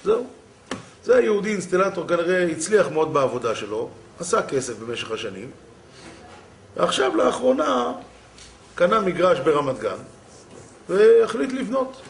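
A man's voice: high-pitched, vocal fry, long pauses, a little hiss or hum. A man, a rabbi, telling a story in a sermon and acting out the characters' lines. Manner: animated storyteller who acts out the characters.

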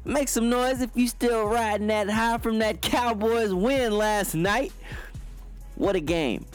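Booming, hyped-up male sports host over music. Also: takes it slowly. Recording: music playing behind the voice. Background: music bed.

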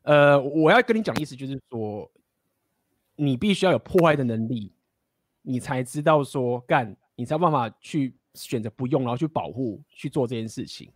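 A man's voice: mid-range voice, lively intonation, moderate pace, dry recording, studio quality. A man, casually telling stories and giving blunt, profane dating advice. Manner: blunt, profane, laughing often.

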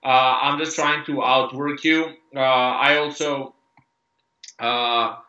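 Bright-voiced Serbian-accented fighter, roomy. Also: male voice, mid-range voice, level tone, slow pace. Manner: hesitant, many restarts and fillers, earnest. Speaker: MMA fighter. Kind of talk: interview answers. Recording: roomy, dull lo-fi sound.

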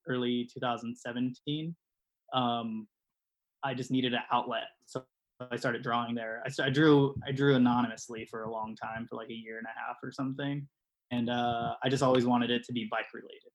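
A man's voice: medium pitch, level tone, fairly quick, dull audio. A man in his thirties from California, chatting casually as a podcast guest in a laid-back, hesitant way. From California, United States. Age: 30s. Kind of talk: casual chat. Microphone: online video call at home.

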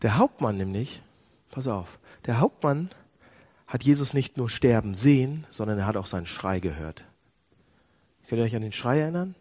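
A man preaching a sermon who swings between soft, low passages and loud, high ones, and asks the congregation direct questions. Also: expressive, normal speed, husky.

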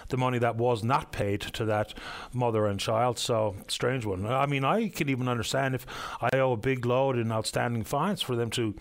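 A man working as a smooth, courteous radio call-in host on a headset mic, his voice going hoarse. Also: mid-range voice, moderate pace. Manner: easygoing, polite, courteous to callers.

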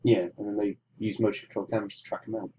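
A man's voice: on the low side, little pitch movement, racing, warm tone, slight background noise. A man co-hosting a podcast in casual chat, with a terse, dry way of putting things. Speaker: podcast co-host. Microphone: webcam about five feet away. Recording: muffled, distant webcam mic.

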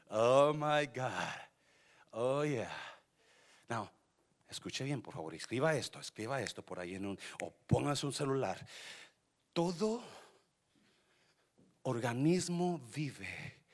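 A man, preaching a sermon as pastor, swinging from quiet asides to shouted climaxes and dropping in English phrases. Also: mid-range voice.

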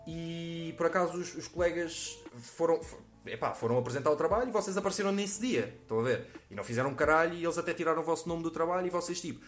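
A man's voice: a little high, fast talker. A 21-year-old man with a Lisbon-area European Portuguese accent, telling a comic anecdote in slangy, profanity-heavy speech. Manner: slangy, swears a lot, acts out quotes. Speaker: comedian telling a story.

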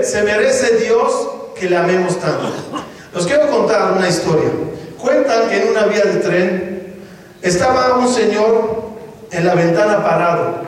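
A man's voice: sits high, heavy reverb, long reverb tail, far from the mic, rough recording. A man giving a sermon, telling stories and asking the audience rhetorical questions. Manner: stops to give instructions to a helper. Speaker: rabbi giving a talk.

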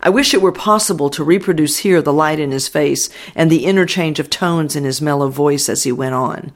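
A man narrating an audiobook in a measured, reverent way. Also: fairly high pitch. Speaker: audiobook reader.

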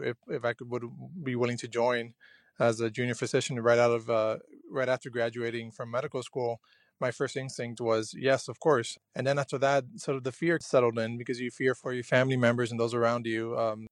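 A young Cuban junior physician records a personal radio diary, speaking earnestly and hesitantly with many fillers, stops and restarts. His mid-range voice stays level with little rise and fall. He is close to the mic in a dry, dead room with no echo.

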